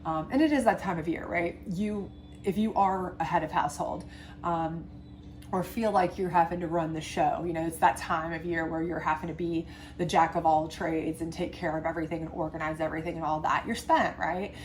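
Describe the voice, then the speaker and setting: A deep, steady-toned woman talks a little quickly through a casual tarot love reading to camera, her voice congested from a sinus infection. She's chatty and comforting, full of fillers and asides, with slight background noise.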